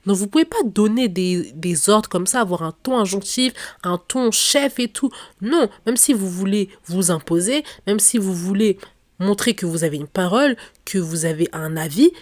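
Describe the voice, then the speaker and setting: A woman's voice: mid-range voice, expressive, normal speed, no room sound. Direct-talking woman podcast host. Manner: direct, addresses listener as tu and vous, emphatic. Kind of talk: advice podcast monologue.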